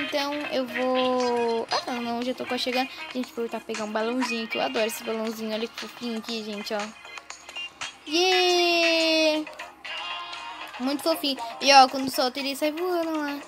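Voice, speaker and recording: A high, chatty female voice running through casual gameplay commentary, excitable and always turning to her viewers. She records without her usual microphone, over loud game music behind her. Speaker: gaming channel host.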